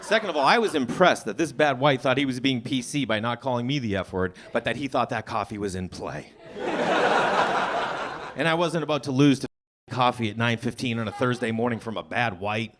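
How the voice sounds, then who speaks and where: A man doing a stand-up comedy set, telling a story with animated delivery and sudden high shouted quotes. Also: fairly quick, heavy background noise. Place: comedy show venue with audience.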